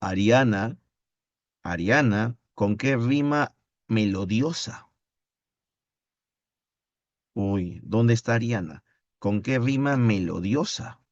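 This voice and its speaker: Male teacher, slow and unhurried, dull lo-fi sound; reads verse, then teases students with questions. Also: fairly low pitch, vocal fry, a little mellow, no room sound. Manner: reads poem slowly, then playful questioning. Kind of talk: online literature class with chat. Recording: dull lo-fi audio.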